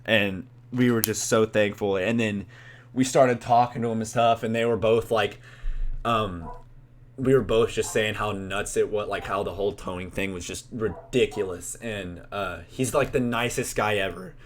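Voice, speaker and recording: A man's voice: on the low side, fairly even intonation, normal speed, a little hiss or hum. Young man, casual storytelling, rambling, lots of fillers and restarts. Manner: rambling, heavy use of "like" and restarts.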